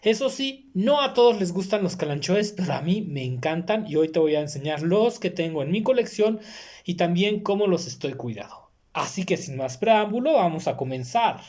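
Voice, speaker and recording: A man's voice: high-pitched, animated, moderate pace, darkish tone. A man chatting casually in a gardening vlog, friendly and talkative, often stopping to correct himself mid-word. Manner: friendly, chatty, self-correcting with small slips. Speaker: succulent grower vlogger.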